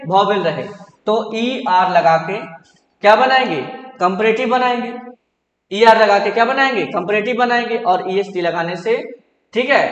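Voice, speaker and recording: A man's voice: very high voice, a bit bright, highs cut off. A man teaching an English grammar lesson in Hindi, asking questions and answering them himself in a repetitive drilling way. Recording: echoey hall, roomy reverb.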